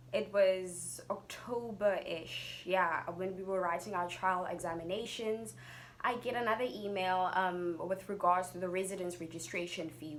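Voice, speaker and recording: A young woman with a South African accent talks in a mid-range voice, telling a story casually to her viewers. Her delivery is chatty and slangy, with expressive turns. A faint layer of noise sits behind her. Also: mid-range voice. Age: young adult. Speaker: YouTuber telling a personal story.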